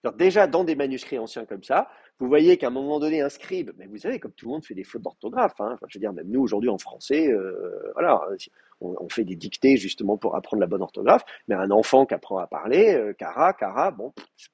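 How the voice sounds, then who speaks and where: A man's voice: medium pitch, sing-song, fairly quick, darkish tone, breathy edge. A man lecturing a Hebrew class, explaining patiently with many fillers and restarts. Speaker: Hebrew teacher. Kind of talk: university lecture.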